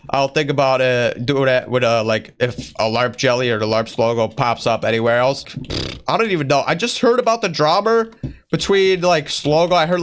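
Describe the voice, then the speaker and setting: Mid-range, fairly bright, and clean in tone, a man's voice carries a casual in-character Q&A as a YouTuber responding to viewers. He mimics another creator with a put-on, strained delivery, rambling along in slangy bro-talk. The effort has made his voice sore.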